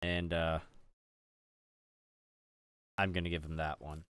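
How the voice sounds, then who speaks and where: A man's voice: low voice, flat delivery, slow, fairly bright tone, smooth, no room sound. A man streaming, chatting casually with viewers while he builds. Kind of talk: casual live-stream chat.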